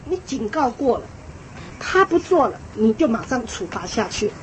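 High-voiced woman lecturing parents. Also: normal speed, slight background noise, poor audio. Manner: lively, repeats phrases for emphasis; frequent small laughs. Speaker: parenting speaker. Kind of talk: lecture to an audience.

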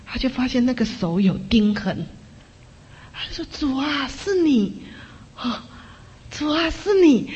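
A woman preaching a sermon, telling a story with fervor and often pausing on a short filler word between phrases. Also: fairly high pitch, breathy edge. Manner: fervent, voice rising to loud impassioned cries when quoting prayers. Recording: muffled, with long hall reverb.

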